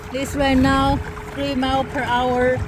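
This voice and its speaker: Speaking in a high voice with a completely flat delivery and measured pace, a woman tries out a product on a small boat on the water. Her remarks are brief and broken as she works, and boat and water noise crowd the outdoor recording.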